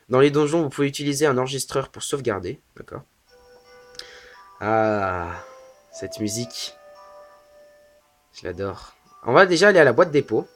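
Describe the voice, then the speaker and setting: Chatty joking young man, let's play host. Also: mid-range voice. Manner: chatty, joking, restarts often. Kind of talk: casual game commentary.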